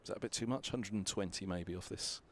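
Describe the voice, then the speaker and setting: A man's voice: low voice, fast talker. A man commentating on cricket from a balcony box, chatty and analytical, thinking aloud through scores with fillers.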